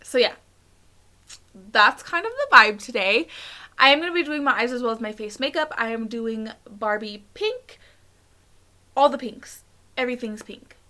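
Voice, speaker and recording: Woman, makeup vlogger, slight lisp, candid chatter, crisp bright tone. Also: on the high side, lively intonation. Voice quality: slight lisp from a tongue piercing. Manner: chatty and candid, fillers and quick asides. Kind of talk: casual chat to camera.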